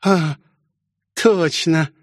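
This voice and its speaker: Guy doing a high-pitched snide young woman, fake-sweet and catty, audiobook. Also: extremely slow, no room sound, studio quality. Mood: sneering. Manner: sneering, mock-sweet. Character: scheming young woman pilot, mocking, spiteful.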